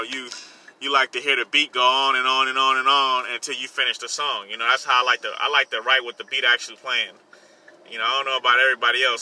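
A songwriter talks informally in slang while driving, hosting his own vlog segment and often repeating himself. His voice is mid-range and sharp, and the recording is low quality, with faint vehicle noise inside the car.

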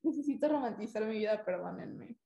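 A high-pitched woman chats casually as a podcast co-host. She is playful and giggly, happy to poke fun at herself, and the room echoes noticeably around her. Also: lively intonation, fairly quick, vocal fry, mellow. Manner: giggly, self-deprecating, playful. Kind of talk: casual chat between podcast co-hosts. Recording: roomy, echoing room sound.

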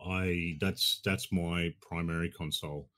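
A middle-aged Australian man, a gaming podcast host appearing as a guest, chats casually in a laid-back, blokey, matey way. His voice is deep and steady with a sharp edge, and he talks a little slowly.

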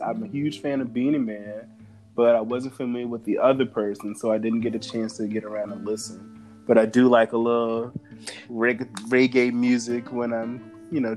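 Man, podcast host, casual, laid-back, mid pitch, faint music. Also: a little mellow. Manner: laid-back, laughs often. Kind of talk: casual chat.

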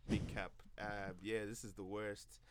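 A man's voice: fairly low pitch, flat delivery, measured pace, background noise. A young adult man, a podcast guest, chatting in laid-back slangy banter. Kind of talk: casual chat.

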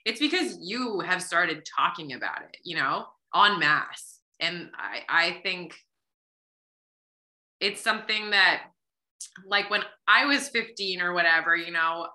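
Chatty woman host in her thirties, bright voice. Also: lowish voice, animated, unhurried. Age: 30s. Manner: reflective, chatty, heavy use of "like". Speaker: podcast host. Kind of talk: casual conversational interview.

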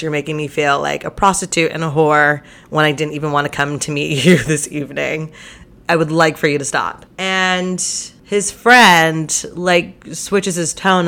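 A woman's voice: sits low, vocal fry, a bit bright. A young woman casually retelling a night out, chatty and exasperated, with many fillers. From New York. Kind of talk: casual storytelling.

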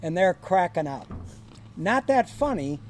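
An older man with a high-set voice tells counselor stories at an unhurried pace, chuckling as he acts out the quoted lines. A faint noise sits under the recording. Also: sing-song. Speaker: guest, former high school counselor. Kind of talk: storytelling in casual podcast chat.

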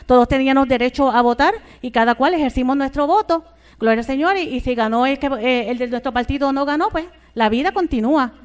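A woman's voice: high voice, fast talker, clean tone. An older Puerto Rican woman preaching a sermon, who fills every phrase with fervent church exclamations and asks her listeners for agreement.

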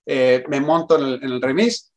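A man telling a personal anecdote in conversation, animated, acting out quoted dialogue and often restarting his sentences. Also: mid-range voice, moderate pace. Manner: animated storyteller who acts out quoted dialogue, frequent restarts.

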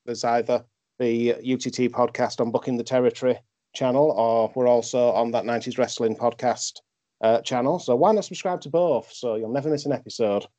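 A man's voice: mid-range voice, fairly even intonation, brisk, warm tone, no echo. A man hosting a podcast in a casual, conversational review style. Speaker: podcast host. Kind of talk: casual wrestling review chat. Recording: dull, dry lo-fi microphone.

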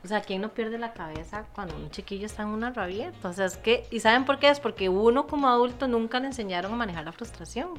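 Animated Costa Rican woman chatting. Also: a little high, fast talker, hardly any pauses, soft background music. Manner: animated, acts out quoted voices. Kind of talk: casual conversation.

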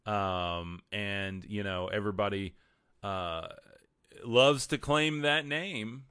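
A man's voice: on the low side, slow pace, bright, forceful tone, clear, resonant tone, no echo, studio quality. A man with a twangy West Texas accent, talking casually as a livestream host and answering viewers.

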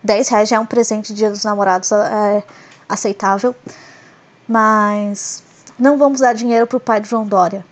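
Chatty joking woman podcaster. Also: on the high side. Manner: chatty and joking, with ironic asides. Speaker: podcast host. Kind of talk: casual solo podcast chat.

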